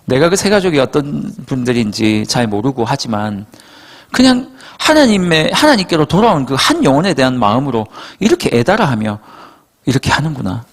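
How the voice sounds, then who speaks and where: A male pastor preaching to young adults, telling stories in an animated way and acting out quotes. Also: mid-range voice. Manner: animated storytelling, acts out quotes. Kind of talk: sermon to a young adult congregation.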